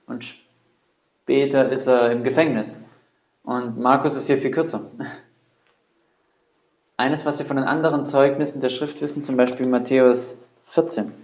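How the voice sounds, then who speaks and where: A man's voice: medium pitch, steady tone, normal speed, long pauses, a little mellow. Male preacher, mid-range voice, earnest and emphatic; roomy, lo-fi church recording. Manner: earnest, emphatic, with rhetorical questions and repetition. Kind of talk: sermon. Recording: roomy, dull lo-fi sound.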